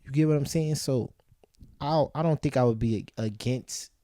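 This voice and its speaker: A man's voice: mid-range voice, normal speed, dark tone, no echo, clean studio sound. A man co-hosting a casual podcast chat, talking reflectively and thinking aloud with restarts. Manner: reflective, thinks aloud with restarts and "you get what I'm saying". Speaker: podcast co-host.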